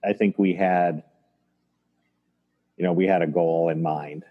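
A man talks over a video call in a reflective, halting way, looking back on the past. His voice sits very low and sounds husky and dark. The call audio comes through dull and lo-fi. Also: fairly even intonation. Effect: voice heard over a video call. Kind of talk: reflective conversation.

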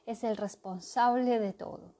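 Slow, expressive woman reading a story aloud. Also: on the high side. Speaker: storybook reader. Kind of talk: read-aloud children's story narration.

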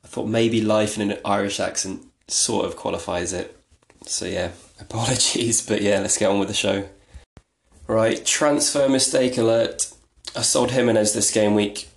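A man's voice: fairly low pitch, fairly even intonation, moderate pace, vocal fry. A man hosting a solo podcast, talking in a rambling, chatty, self-deprecating way. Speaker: podcast host. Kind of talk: casual solo podcast talk. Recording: echoey room.

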